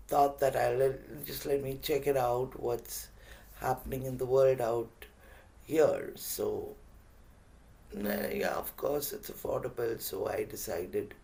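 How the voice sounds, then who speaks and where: A man's voice: mid-range voice, slow, creaky, a little mellow. A man voicing an unsure young man who talks hesitantly and fills his speech with fillers.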